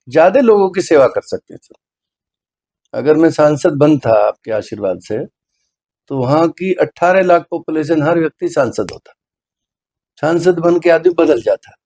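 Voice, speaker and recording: A man's voice: a little high, mellow. A middle-aged man, a hospital medical superintendent, answering interview questions earnestly and deferentially, slipping English phrases into his talk. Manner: mixes English phrases into speech.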